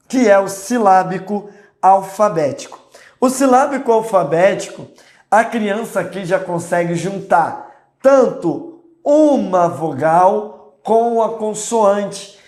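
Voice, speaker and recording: A man's voice: high voice, a little mellow. A man with a Brazilian Portuguese accent teaching an online class, explaining step by step and often checking in with his students. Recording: echoey room.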